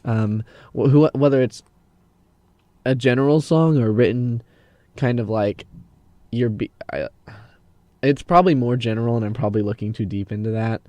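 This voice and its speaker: This is a young man in casual podcast chat, earnest and a bit hesitant. He often stops and restarts his sentences. His voice is mellow and warm at a middle pitch, recorded dry with no room around it. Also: moderate pace, long pauses, no room sound, lo-fi sound. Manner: earnest, hesitant, restarts a lot while explaining. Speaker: podcast co-host.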